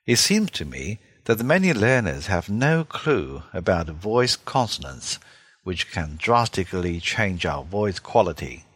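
Lively low-voiced male pronunciation teacher. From China. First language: Mandarin Chinese. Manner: lively, demonstrates sounds by exaggerated repetition. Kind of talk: spoken lesson with demonstrations.

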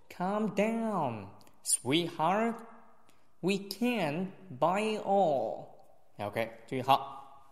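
A male teacher giving a spoken English lesson, slowly modelling phrases and then explaining them in quick asides. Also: on the high side, long reverb tail.

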